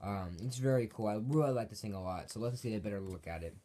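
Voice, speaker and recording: A man's voice: on the low side, fast, warm tone. A man giving a casual, unscripted product review as an online reviewer, rambling and repeating and correcting himself as he goes. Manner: rambling and repetitive, with self-corrections. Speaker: reviewer of Halloween props on his own channel. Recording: amateur home video with background noise.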